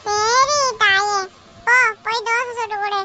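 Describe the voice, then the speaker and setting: A woman's voice: very high voice, steady tone, slow, dry recording, heavily acted. A woman voicing a whiny, demanding young son in a cartoon who keeps calling for his mother, with a Tamil accent. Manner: whining, shouting for mother.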